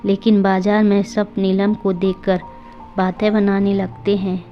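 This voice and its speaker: A woman reading scripted story narration in a plain, even storytelling voice, on a dull lo-fi track with faint music behind. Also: medium pitch, a little slow. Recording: dull lo-fi audio with soft music.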